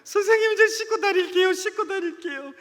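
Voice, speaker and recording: Man putting on a sobbing teen boy, very high and strained, far off the mic in a long-reverb hall. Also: lively intonation, quick pace, fairly bright tone. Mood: tearful pleading. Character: weeping poor teenage boy, pleading.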